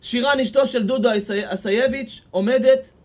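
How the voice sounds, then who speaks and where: An Israeli rabbi delivers a sermon, retelling encounters with his listeners. His voice sits very high for a man, and he builds from quiet storytelling to fervent, almost shouted declarations. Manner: impassioned storytelling, rising to near shouts. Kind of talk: sermon with retold stories.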